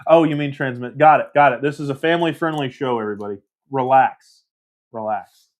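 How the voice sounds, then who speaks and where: A man's voice: medium pitch, rapid-fire. A man casually hosting a livestream, reading viewer comments aloud and rambling with self-deprecating laughs. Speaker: livestream host.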